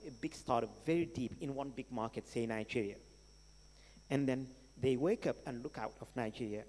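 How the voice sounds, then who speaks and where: A man's voice: medium pitch, a little mellow. A man with a Senegalese accent answering questions as a keynote speaker, conversational and emphatic, with rhetorical questions. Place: large hall at a live event. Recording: echoey hall with long reverb.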